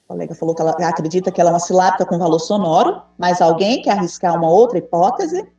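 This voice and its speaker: A woman's voice: on the low side, expressive, rapid-fire, dark tone, lo-fi sound. A Brazilian woman with a patient, encouraging manner, leading an online teacher training and asking the group questions. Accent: Brazilian Portuguese. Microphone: video call. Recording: echoey room, distant mic.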